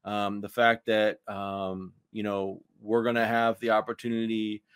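A man's voice: fairly low pitch, flat delivery, a little slow, clear, resonant tone, dry recording, studio quality. A man co-hosting a casual sports podcast, rambling and ranting with heavy use of "like". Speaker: podcast co-host.

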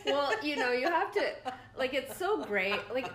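A woman's voice: high voice, sing-song, a little slow, fairly bright tone. A middle-aged woman co-hosting a podcast in casual chat, rambling with lots of fillers and frequent laughter. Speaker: podcast co-host. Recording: echoey room, faint noise.

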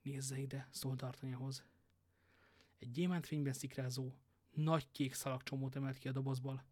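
A man reading a novel aloud, a lively storyteller who adds casual joking asides. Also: mid-range voice, no echo. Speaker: audiobook reader.

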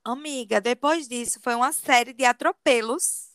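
High-voiced woman telling a story. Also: moderate pace, no room sound. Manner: animated confiding storyteller, often says "amiga". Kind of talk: casual storytelling chat.

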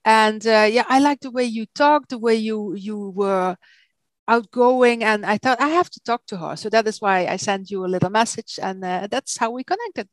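A woman in her forties from the south of the Netherlands with a Dutch accent, speaking English as a second language, halting with many fillers as a guest on a video call interview. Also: a little high, dry recording. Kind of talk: casual interview chat.

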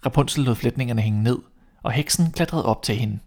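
A man reading a fairy tale aloud as the show's storyteller, in a calm, even way. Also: mid-range voice.

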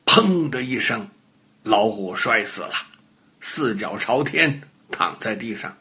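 An older man telling a children's bedtime story to little listeners, animated and expressive, acting out sound effects as he goes. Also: on the low side, slow pace, breathy edge.

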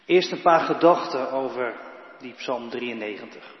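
A male pastor preaching a calm, reflective sermon that speaks directly to the congregation. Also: medium pitch, a little slow. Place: church. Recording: echoey church hall, dull lo-fi sound.

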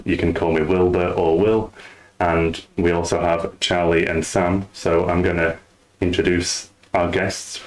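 A man hosting a casual podcast chat, talking in a relaxed, rambling way. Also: sits low. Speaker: podcast host.

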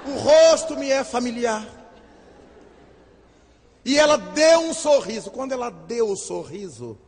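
A man giving a humorous storytelling lecture at a spiritist gathering, lively and self-mocking, acting out the dialogue. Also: very high voice, a little slow. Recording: long reverb in a hall.

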